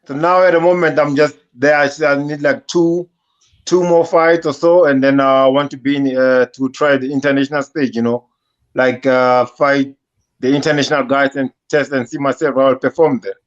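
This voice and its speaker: A man's voice: mid-range voice, steady tone, normal speed, muffled recording. A man, a professional boxer answering interview questions hesitantly, with many fillers. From South Africa. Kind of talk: casual interview.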